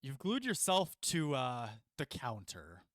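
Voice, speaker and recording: Male game master, animated pitch, chatty, many fillers, dry close sound. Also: slow pace, no echo. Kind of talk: narrating a tabletop game.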